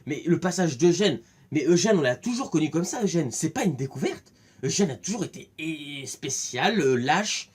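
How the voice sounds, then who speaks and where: A talkative man giving a casual, rambling spoken review, excitable and full of restarts. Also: a little high, normal speed, slightly rough. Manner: chatty, rambling, many restarts and fillers; excitable, acts out scenes with voices. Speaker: film and series reviewer.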